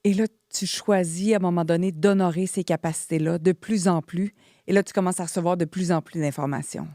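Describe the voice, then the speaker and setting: A woman's voice: fairly low pitch, fairly even intonation, brisk, dark tone, dry recording, clean studio sound. A woman hosting a podcast interview, prompting her guest and summing up her story. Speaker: podcast host. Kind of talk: casual interview.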